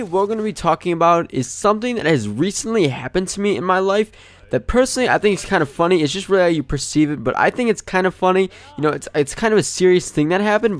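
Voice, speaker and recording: A man's voice: a little high, dry recording. A young man hosting a gaming channel, casually telling a rambling story full of fillers. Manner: rambling, animated, many fillers. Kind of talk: casual storytelling over gameplay.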